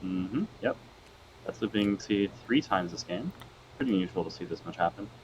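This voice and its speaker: Fast-talking man on a dull lo-fi line. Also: deep voice, animated, background noise. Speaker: co-caster. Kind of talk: casual game commentary. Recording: dull lo-fi sound from a weak connection.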